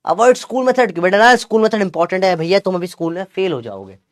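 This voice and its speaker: A man's voice: high-pitched, big pitch swings, racing, dry recording, studio quality. A young man teaching physics in a chatty, teasing lecture. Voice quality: chatty, teasing, calls students beta. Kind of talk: classroom lecture with Gen Z slang.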